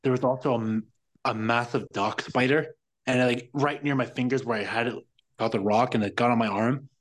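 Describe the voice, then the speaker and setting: A man's voice: mid-range voice, steady tone, a little fast. A man telling a long story in casual chat, rambling and swearing, exasperated with careless people. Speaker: podcast guest.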